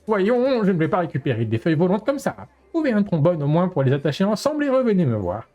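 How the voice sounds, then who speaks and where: Guy doing a prim fussy principal lady voice, pitched way up, swoopy. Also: wildly swooping pitch, fast talker, warm tone, lo-fi sound, soft background music. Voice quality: prim and formal. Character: fussy stern woman school principal.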